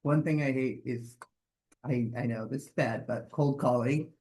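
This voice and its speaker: A man's voice: mid-range voice, a little slow. Guy agent chiming in on a training call, laid back, lots of like and you know. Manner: relaxed, rambling, filler-heavy. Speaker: real estate agent. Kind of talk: casual chat in a training session.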